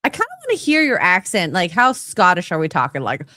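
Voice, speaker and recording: A woman's voice: lowish voice, very animated, quick pace, sharp tone, no room sound, clean studio sound. A woman co-hosting a casual livestream chat, playful and teasing, laughing easily. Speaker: co-host.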